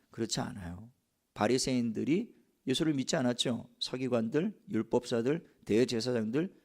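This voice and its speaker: A man's voice: medium pitch, darkish tone. A middle-aged male pastor delivering a sermon. He explains scripture step by step and puts rhetorical questions to the congregation.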